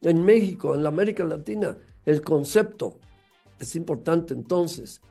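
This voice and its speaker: A man's voice: fairly high pitch, animated, normal speed, vocal fry, dark tone, faint music behind. A man giving a motivational talk on raising children, emphatic and full of rhetorical questions.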